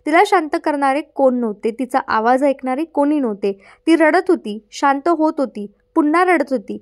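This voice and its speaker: A woman's voice: high voice, animated, normal speed. A young woman narrating an audiobook, emotional storytelling with small slips and restarts. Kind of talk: scripted narration.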